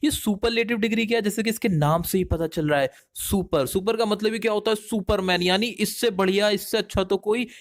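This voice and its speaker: A man teaching an English grammar lesson, lively, asking questions and answering them himself, explaining slowly with playful little stories. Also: high-pitched. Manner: lively, asks and answers his own questions.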